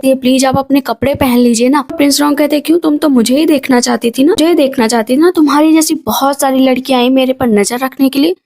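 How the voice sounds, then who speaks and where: A woman narrating a drama's plot in a quick retelling, voicing the characters' lines in her own voice with light inflection. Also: high voice, a little mellow. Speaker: movie recap narrator.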